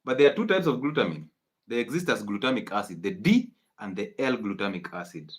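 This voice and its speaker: A man's voice: lowish voice, lively intonation, fairly quick. A man giving a live-streamed health lecture, emphatic and preachy, repeating his key points. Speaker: health educator.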